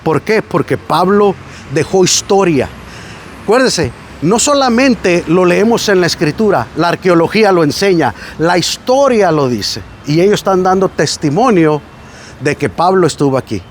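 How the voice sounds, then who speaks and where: A man's voice: high-pitched, moderate pace, slight background noise. A man with a Mexican Spanish accent, preaching a sermon on a site visit and telling stories that act out the voices he quotes. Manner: animated storytelling, acting out quoted voices. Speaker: pastor.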